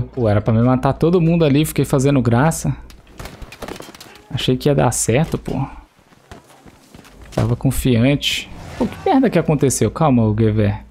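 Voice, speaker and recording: Young man, Brazilian Portuguese accent, gravelly, dark tone, faint gunfire behind, joking gameplay chatter. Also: mid-range voice. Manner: joking, swears, chats with teammates. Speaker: gaming streamer. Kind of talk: casual live gameplay commentary. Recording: faint game noise behind.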